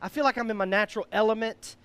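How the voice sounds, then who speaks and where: A man hosting an upbeat cooking live stream with the jolly, loud energy of a grill dad. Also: high-pitched, rapid-fire, smooth, dry recording. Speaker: cooking show host and grill expert.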